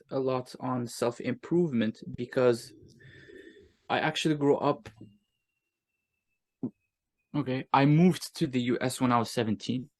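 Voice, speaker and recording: A man's voice: medium pitch, vocal fry. A young man with a Moroccan accent, telling his own story candidly in an interview in a reflective, casual way. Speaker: guest, agency owner.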